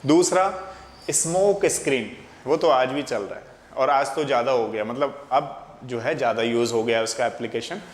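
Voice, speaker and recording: A man gives a classroom chemistry lecture, steady and explanatory, often posing a question and answering it himself. His voice sits at an ordinary middle pitch. The room is echoey with a long reverb tail and a faint hiss behind him. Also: moderate pace. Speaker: chemistry teacher.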